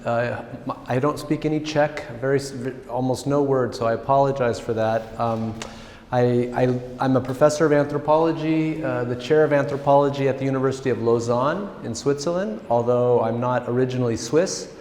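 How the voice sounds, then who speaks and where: A man's voice: mid-range voice, brisk, darkish tone, a little hiss or hum. Chatty American man lecturing in a hall. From California, United States. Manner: friendly, chatty, self-deprecating, with frequent restarts. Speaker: guest lecturer. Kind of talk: informal academic lecture. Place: large public hall. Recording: roomy hall reverb.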